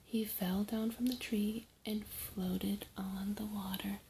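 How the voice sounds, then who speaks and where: A woman storyteller narrating a trickster folk tale in short, deliberate phrases with dramatic pauses. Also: medium pitch, flat delivery, mellow, a little hiss or hum, poor audio.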